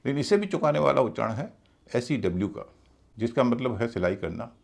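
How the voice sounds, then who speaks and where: A man teaching English pronunciation in a video class. His voice is husky with a gravelly edge, and his pitch moves a lot. He spells out letters and repeats each word methodically. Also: lively intonation, fairly quick, darkish tone. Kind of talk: explanatory video lesson.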